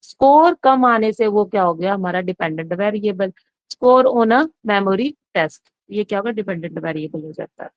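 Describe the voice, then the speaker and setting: A woman's voice: mid-range voice, lively intonation, moderate pace, dry recording. Hindi teacher woman, dry lo-fi lecture. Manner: repeats herself, self-correcting, asks and answers her own questions. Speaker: psychology teacher. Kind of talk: exam-prep lecture, casual Hindi-English mix. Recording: dry, dull lo-fi recording.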